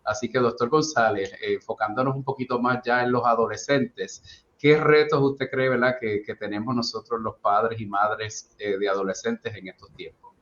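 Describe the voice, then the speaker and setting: A man's voice: medium pitch, fairly even intonation, moderate pace, fairly bright tone. A man hosting an interview, introducing his guests and often chiming in with short agreement. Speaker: host. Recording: dull lo-fi audio.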